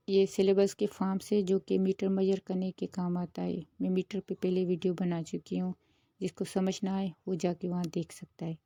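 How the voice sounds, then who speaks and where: A woman, the host of her own channel, who explains a grammar lesson in a steady, patient way and mixes English terms into her Hindi. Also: on the low side, no room sound. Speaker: teacher.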